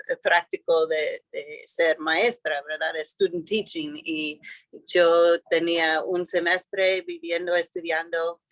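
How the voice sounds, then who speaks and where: A school founder and director, a native English speaker with an American accent, tells a story as an interview guest, hesitating with many fillers and restarts. Her lowish voice is a bit bright, and the recording is dry.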